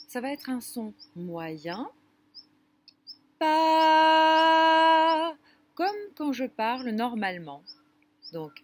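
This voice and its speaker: A woman leading a children's music lesson, speaking gently and didactically straight to the kids. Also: fairly high pitch, a little hiss or hum. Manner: gentle, slow and didactic, addressing children directly. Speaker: music teacher for young children.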